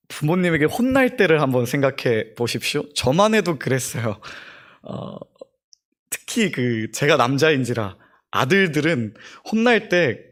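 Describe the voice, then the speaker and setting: A man's voice: mid-range voice, a bit bright. A young man, a junior pastor, preaching a sermon and acting out the prayers he quotes.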